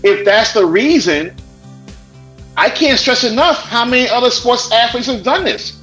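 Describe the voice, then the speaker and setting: A man with a high voice argues emphatically in a sports panel debate. He presses his point again and again, with faint music playing behind him. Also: lively intonation, moderate pace, a bit bright, low-quality recording. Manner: emphatic, hammers the same point. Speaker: sports talk co-host.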